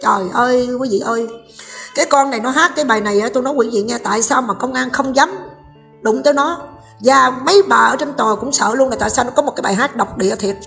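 A woman's voice: a little high, fast, creaky, a bit bright, soft background music. A woman with a Southern Vietnamese accent, a vlogger giving gossip commentary, scolding and speaking straight to her viewers. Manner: scolding, addresses viewers directly.

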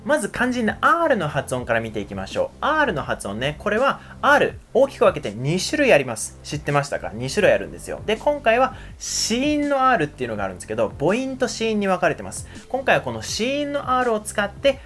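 A young man from Japan runs a casual, upbeat pronunciation lesson. He talks with a very lively, up-and-down voice and keeps breaking off to demonstrate sounds. Soft background music plays faintly under his talk. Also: sits high, a little fast, few pauses. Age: 20s. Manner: energetic, chatty, repeatedly demonstrating sounds. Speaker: English pronunciation teacher.

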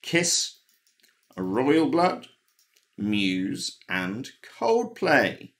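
A man's voice: medium pitch, wildly swooping pitch, very slow, a bit bright. A man hosting a pub quiz, reading out the answers with dry, wry asides. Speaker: quiz host. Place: home, recorded alone.

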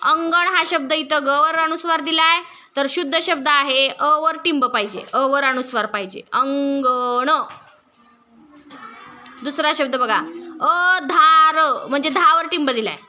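A woman teaching a classroom lesson, her voice high and very bright. She is middle-aged and keeps turning to the pupils with questions. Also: measured pace. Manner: asks pupils questions and waits for answers.

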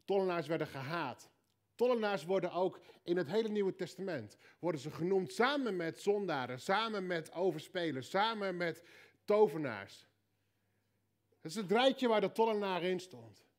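A man with a Dutch accent preaching a sermon, telling a story with punchy repeated lines and quiet joking asides. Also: sits high, expressive, moderate pace. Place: church hall.

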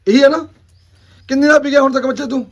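A man playing an angry Punjabi villager, loud and blustering, repeating his commands urgently in a heated village skit. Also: extremely high pitch, steady tone, fast. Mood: agitated. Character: angry, agitated Punjabi villager confronting young drug users.

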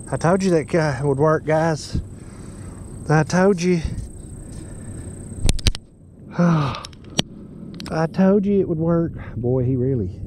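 Recorded on a head-mounted action camera with wind noise in the background, this young Kentucky-accented man fishes from a grassy pond bank and chats casually to himself and his viewers as a fishing vlogger. His voice sits on the high side, and he speaks slowly with long pauses.

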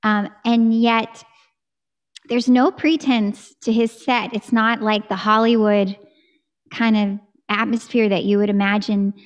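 Chatty American woman singer, bright-toned. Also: fairly high pitch, level tone, measured pace. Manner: chatty and enthusiastic, talks with her hands. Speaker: singer and interview guest. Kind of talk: casual video-call interview. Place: home room with curtain backdrop. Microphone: studio mic on a boom arm.

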